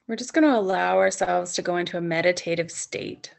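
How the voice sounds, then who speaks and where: A yoga nidra instructor guides a sleep meditation in a lowish, gravelly voice. She speaks soothingly, coaxing gently in unhurried phrases separated by long pauses.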